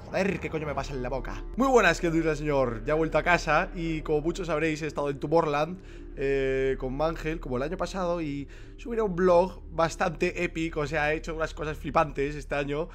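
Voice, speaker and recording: A young man from Spain with a Castilian accent playing a horror game, excitable and swearing a lot. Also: on the high side, fairly quick, soft background music. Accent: Castilian Spanish. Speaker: gaming youtuber. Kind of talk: horror game let's play.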